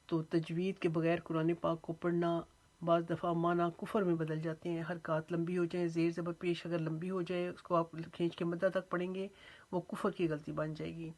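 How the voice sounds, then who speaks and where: A woman teaching Quran recitation rules, slowly drawing out recited phrases and then explaining each rule patiently. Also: on the low side, a little mellow. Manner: breaks words into syllables and draws out recited phrases slowly. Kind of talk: tajweed lesson with slow recitation.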